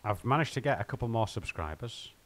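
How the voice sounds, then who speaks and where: A man's voice: medium pitch, expressive, fairly quick, a bit bright. A man rambling and joking with his viewers while he plays and streams from home. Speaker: game streamer. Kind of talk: casual live-stream chat.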